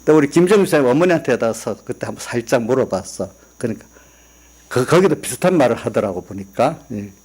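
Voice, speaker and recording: With an expressive, husky mid-range voice and a darkish tone, a pastor speaks fairly quickly during a sermon in the church sanctuary. His style is conversational and easygoing, full of questions to the congregation and personal stories that quote his family.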